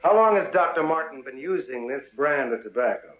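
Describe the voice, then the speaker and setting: A man's voice: fairly high pitch, lively intonation, fairly quick, soft background music, natural voice. An actor playing a polite, probing male FBI investigator in a 1950s film drama. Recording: dull, echoey old film soundtrack.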